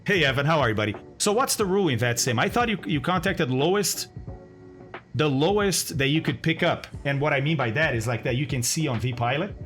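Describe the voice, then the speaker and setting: A man's voice: on the high side, lively intonation, fairly quick, fairly bright tone, faint music behind. A man streaming a flight simulator, chatting casually with viewers, thinking aloud and laughing often. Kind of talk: casual live-stream chat.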